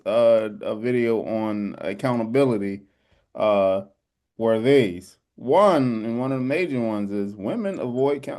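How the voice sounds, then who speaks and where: A man hosts a casual podcast debate at an ordinary middle pitch. He hedges a lot and keeps stressing that the points he reads out are not his own. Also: a little mellow. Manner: hedging, insists he is only the messenger. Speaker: podcast host.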